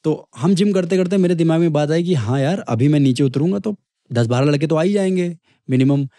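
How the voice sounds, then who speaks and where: A man's voice: on the high side, a little fast, no room sound, clean studio sound. Young man telling a story. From Kanpur, India. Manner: lively storyteller who acts out quoted dialogue. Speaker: guest, MMA fighter. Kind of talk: casual storytelling chat.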